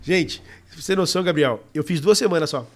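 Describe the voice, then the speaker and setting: Fast-talking young Brazilian man telling a story. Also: fairly high pitch. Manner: animated, quick storyteller with many fillers. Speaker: podcast guest. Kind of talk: casual storytelling interview.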